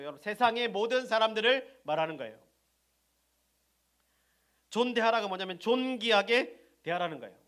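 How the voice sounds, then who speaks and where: High-voiced male pastor preaching. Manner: asks the congregation questions and answers them himself; swings from loud emphasis to soft, low asides. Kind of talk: sermon.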